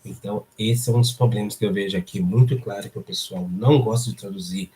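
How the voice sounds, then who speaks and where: A man's voice: on the low side, fast talker, warm tone, slight background noise. A man from Brazil with a Brazilian Portuguese accent, hosting a casual live stream and stressing points by repeating words. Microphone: streaming setup.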